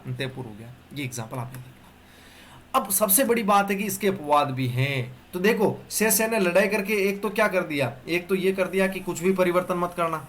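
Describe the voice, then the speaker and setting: A man's voice: on the high side, a bit bright, slight background noise. A man giving an exam-prep Hindi grammar lecture, explaining step by step and often checking in with the class. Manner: explains step by step with repeated "dekho" and "theek hai".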